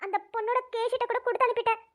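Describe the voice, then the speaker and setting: Very high, fussing cartoon women. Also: female voice, fairly even intonation, rapid-fire. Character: nurse, camp teachers and schoolgirls. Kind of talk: cartoon drama dialogue.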